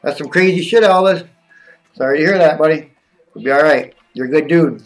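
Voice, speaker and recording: A man's voice: a little high, brisk, far from the mic. A man hosting a live stream in a loose, joking, chatty way. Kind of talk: casual live-stream chat.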